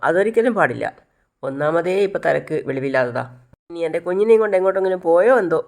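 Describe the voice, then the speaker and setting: A man voicing a worried young husband who fires off quick, exasperated questions. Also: fairly high pitch, animated, creaky. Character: worried young husband, suspicious of his mother.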